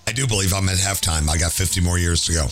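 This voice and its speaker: A man in his late fifties hosting a podcast, chatting casually in an animated, jokey way with a slightly hoarse voice. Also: low voice, fast, faint music behind. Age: 50s. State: hoarse from laryngitis. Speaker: podcast host.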